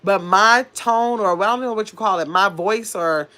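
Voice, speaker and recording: A middle-aged woman, her voice very nasal and stuffy from an oncoming cold, speaks at a moderate pace with a sharp, mid-range tone. Close to a phone or webcam mic, she rambles on to her livestream chat, reading comments and answering them directly with sass and loose asides.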